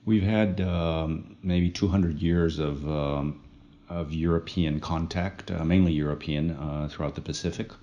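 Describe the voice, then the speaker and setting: Guest in an interview: a man from French Polynesia with a very low voice, unhurried and thoughtful, filler-heavy. Dull lo-fi audio. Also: fairly even intonation, warm tone. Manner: thoughtful, many pauses and fillers. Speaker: guest, project co-founder. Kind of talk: casual interview talk.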